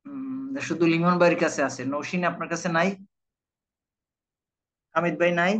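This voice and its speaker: This Bangladeshi man teaches an IELTS class live online, repeating key words and often asking whether students are following. His voice is high, gravelly and a bit bright, very animated at a normal speed, though the audio is poor.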